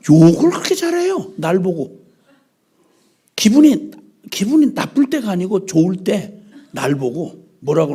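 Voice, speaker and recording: Animated, gravelly-voiced Korean preacher man. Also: high voice. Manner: animated and joking, mimics his mother's scolding. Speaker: missionary preacher. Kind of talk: humorous sermon storytelling. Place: church revival meeting.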